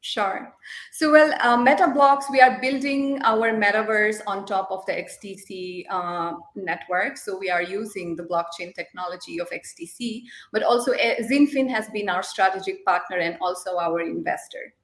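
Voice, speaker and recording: A woman's voice: mid-range voice, normal speed, a bit bright, echoey room. A young woman from Nepal, a startup co-founder, answering interview questions at length on a video call, with many fillers as she explains.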